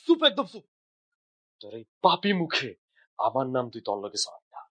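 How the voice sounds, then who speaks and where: A man's voice: medium pitch, huge pitch swings, a little fast, husky, full character voice. An actor playing an angry suspicious husband who berates his wife harshly. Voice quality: harsh, shouting.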